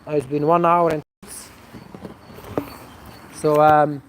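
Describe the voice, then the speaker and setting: A man's voice: on the high side, level tone, slow pace, slight background noise, rough recording. A man from Belgium, hosting a casual live Q&A outdoors, talking hesitantly with many fillers and tagging sentences with "eh?". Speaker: livestream host answering viewer questions.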